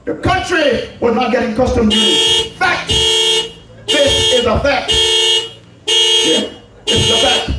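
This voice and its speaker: Very high-pitched and expressive, the middle-aged man speaks slowly and pauses often, his Anguillian accent clear as he gives an emphatic public speech. He repeats key phrases for effect while recalling personal experiences. Heavy background noise fills a very echoey recording made far from the microphone.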